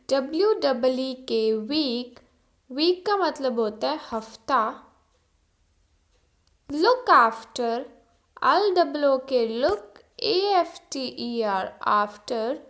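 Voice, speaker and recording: A woman's voice: sits high, fairly bright tone. A woman teaching English vocabulary, saying each word, spelling it out letter by letter and giving its meaning. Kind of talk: slow vocabulary drill.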